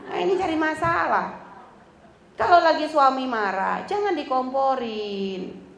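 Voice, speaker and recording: High-voiced woman preacher, chatty and teasing. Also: very animated, normal speed, creaky, fairly bright tone. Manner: chatty, teasing, acts out quoted lines. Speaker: religious teacher. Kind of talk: religious talk to women. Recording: roomy hall with faint ambience.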